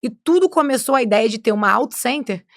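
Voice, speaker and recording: Animated and quick, a Brazilian woman in her 20s from Rio de Janeiro state speaks in a slightly high voice as a podcast guest. Her casual conversation is dotted with "né?" at the end of sentences. Studio quality, with no echo.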